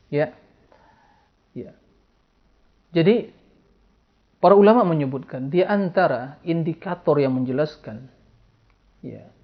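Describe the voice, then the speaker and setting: Emphatic male preacher, dull lo-fi. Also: fairly high pitch. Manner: emphatic, rhetorical questions, frequent "ya". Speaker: Islamic preacher. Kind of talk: religious study lecture with Q&A.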